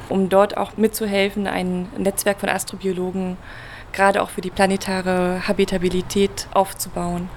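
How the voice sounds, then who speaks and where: At an event venue, a woman from Berlin, Germany, who works as a planetary scientist, explains her research in a conversational interview. Her voice is medium-pitched and slightly mellow, with a faint hiss or hum, and she uses patient everyday examples along with some fillers.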